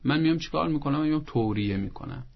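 A man's voice: on the high side, expressive, gravelly, dull audio. A man giving parenting advice on a talk show. He lays out his points one by one in a teaching manner. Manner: acts out parents' lines in a soft coaxing voice. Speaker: parenting expert guest.

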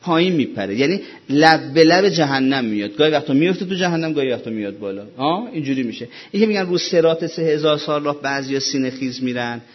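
A man's voice: mid-range voice, dull audio. A man preaching a sermon as a religious lecturer, pressing his listeners with rhetorical questions in a row.

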